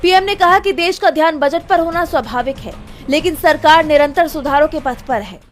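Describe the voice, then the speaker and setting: A woman with a high voice reads a scripted news package as its reporter. Faint music plays behind the narration. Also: normal speed. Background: music bed.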